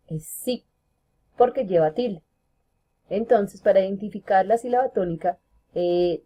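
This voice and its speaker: Woman teacher explaining things slowly and patiently, really dark mellow tone. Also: lowish voice, slightly rough. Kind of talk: classroom explanation.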